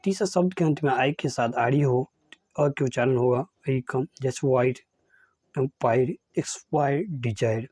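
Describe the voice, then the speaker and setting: Stating each rule before reading example words one at a time, an Indian English teacher leads a pronunciation lesson. He has a warm, mellow, mid-range voice, recorded dry and close without any echo.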